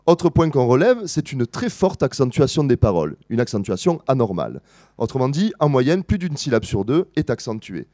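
A man giving an academic lecture to a live audience, explaining his analysis step by step, pausing with fillers and correcting himself. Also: medium pitch, sing-song, warm tone, dry recording, studio quality. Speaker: musicology lecturer.

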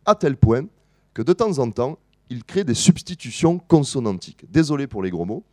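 Lively-pitched French-speaking male lecturer. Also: no echo, clean studio sound. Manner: explanatory, pauses with fillers and self-corrections. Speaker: musicology lecturer. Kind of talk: academic presentation to a live audience.

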